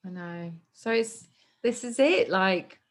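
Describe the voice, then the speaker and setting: A woman's voice: mid-range voice, slow. A young woman co-hosting a podcast, chatting openly and emotionally, laughing often. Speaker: podcast co-host. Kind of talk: casual chat.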